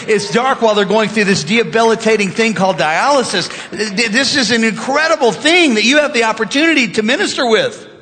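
A pastor with a high voice preaches in a lively, conversational style, using humor and rising emphasis. The recording has the reverb of a large hall.

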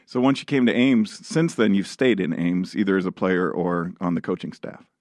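A man hosting a casual chat, talkative and easygoing, with quick asides and laughs. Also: low voice, darkish tone, dry recording, clean studio sound. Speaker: podcast host.

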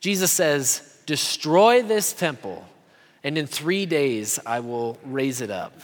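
Brief: male preacher, high voice, chatty sermon delivery, echoing church hall. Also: animated, slow pace. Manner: conversational, often asks "right?". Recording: long hall reverb.

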